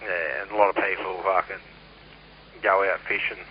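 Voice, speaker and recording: On a muffled, noise-filled CB channel, an Australian operator chats in a blunt, meandering, foul-mouthed manner. His voice is low and his tone steady, at a normal speed.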